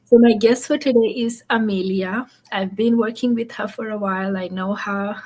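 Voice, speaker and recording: A woman's voice: medium pitch, fairly even intonation, normal speed, darkish tone. A woman from Fiji hosting an online interview, upbeat and friendly, with many fillers. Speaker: host.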